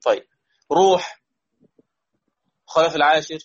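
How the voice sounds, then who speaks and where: A man with an Egyptian accent teaching Quran readings, often repeating phrases and asking his students if it is clear. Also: fairly high pitch, unhurried. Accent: Egyptian Arabic. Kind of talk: lesson. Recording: dull lo-fi recording.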